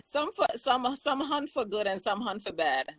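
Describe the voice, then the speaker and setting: A woman's voice: fairly high pitch, big pitch swings, moderate pace, fairly bright tone, breathy edge, dry recording, rough recording. Jamaican woman co-host, easy banter, frequent laughs, dead-dry sound. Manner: chatty, laughs often, many restarts. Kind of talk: casual chat.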